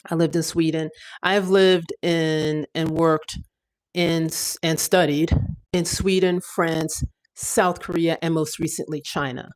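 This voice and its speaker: This livestream host, an American woman in her 50s, has a low voice with fairly even intonation and a slow pace. Her talk is chatty and meandering, full of fillers and restarts, and the recording is rough.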